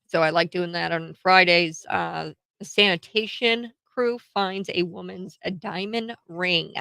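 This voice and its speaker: A woman hosts a morning talk radio show in a slightly low voice with noticeable vocal fry. She chats and comments in an opinionated way, throwing out exclamations and rhetorical questions. The sound is dry, with very little room in it. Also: steady tone, unhurried, sharp tone, no room sound.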